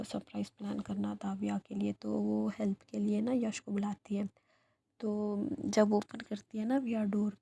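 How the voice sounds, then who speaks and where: Slow whispered role-play storyteller, a woman. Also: mid-range voice, vocal fry, breathy edge. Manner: soft, hesitant whispered narration with fillers.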